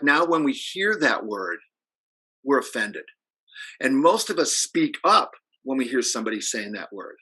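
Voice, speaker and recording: A man's voice: mid-range voice, bright, forceful tone, slightly rough, low-quality recording. A middle-aged man giving a training over a video call, telling stories in a conversational way and asking the audience questions. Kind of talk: presentation.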